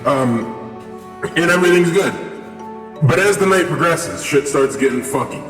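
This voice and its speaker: A man's voice: a little high, animated, normal speed, fairly bright tone. A young man rambling through a casual story with lots of fillers, his voice run through a voice changer. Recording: echoey with long reverb, music behind.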